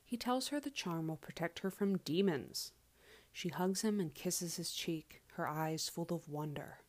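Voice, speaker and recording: Unhurried and lower-voiced, this woman podcast host talks through book commentary in a solo episode. The sound is echoey, since she's recording in a makeshift room away from her normal podcast setup.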